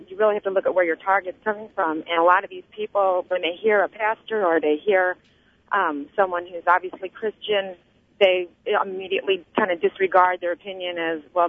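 A woman's voice: lowish voice, dry recording. A woman caller on a clipped phone line from her car, giving an earnest opinion with fillers and restarts. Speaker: radio call-in caller. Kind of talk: casual call-in opinion.

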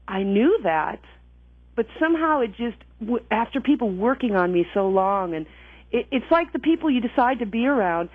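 A woman with a mid-range voice gives a personal testimony of her faith over the phone, clean and free of echo. Earnest and reflective, she works through her thoughts out loud, correcting herself along the way.

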